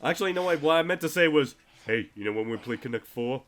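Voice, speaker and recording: A man's voice: a little high, expressive, quick pace, fairly bright tone. A man chatting casually as he comments on a co-op game. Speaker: gaming video commentator.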